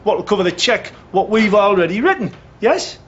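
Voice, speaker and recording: A cocky schemer. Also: male voice, high voice, lively intonation, fairly quick, a bit bright, dull audio, slight background noise. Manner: cocky, blustering. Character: brash scheming working-class builder.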